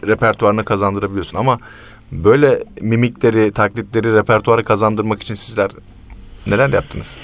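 Quick low-voiced male radio co-host. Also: steady tone. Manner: friendly, affirming, asks questions. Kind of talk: casual interview chat.

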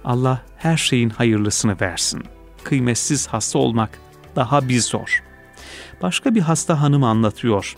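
A man reading a personal essay aloud in a calm, measured, reflective way. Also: medium pitch. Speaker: reader. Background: faint music.

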